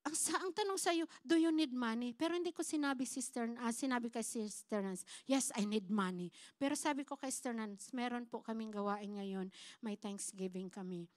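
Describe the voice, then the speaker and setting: A woman's voice: on the high side, normal speed, no room sound, studio quality. A woman pastor preaching a sermon as a personal testimony, acting out quoted dialogue and often calling the congregation brothers and sisters. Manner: addresses the congregation as "mga kapatid"; storytelling with acted-out quoted dialogue. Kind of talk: Tagalog sermon testimony, mixing in English. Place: church.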